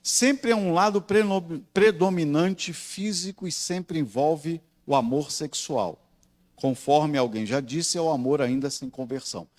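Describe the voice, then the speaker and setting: Brazilian pastor guy teaching bible class, voice a bit high, explains step by step and keeps checking everyone's following. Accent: Brazilian Portuguese. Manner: slows down and stresses key words.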